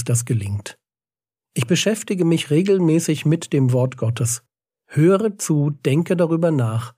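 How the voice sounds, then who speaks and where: A man's voice: on the high side, warm tone, husky, no echo, clean studio sound. A man teaching the Bible on a podcast in an earnest, emphatic way, reading scripture passages aloud.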